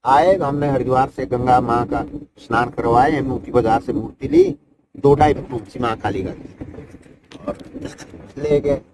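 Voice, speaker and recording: A man's voice: medium pitch, very animated, a little slow, pauses often. An older man, a Himalayan yogi, telling his life story in a rambling, folksy way and tagging his sentences with "isn't it". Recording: noisy ambient background.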